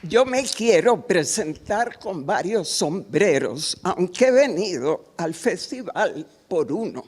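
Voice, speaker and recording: An older woman from Cuba, a guest author giving a wry, unhurried talk in a university auditorium. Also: fairly low pitch, a little mellow, husky. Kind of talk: public talk at a workshop.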